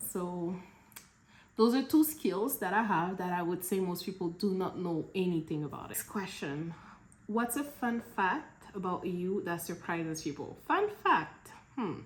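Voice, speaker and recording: A young woman from Cameroon answering questions in a relaxed, chatty vlog, laughing between answers. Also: mid-range voice, echoey room. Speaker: vlogger. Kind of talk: casual Q&A vlog.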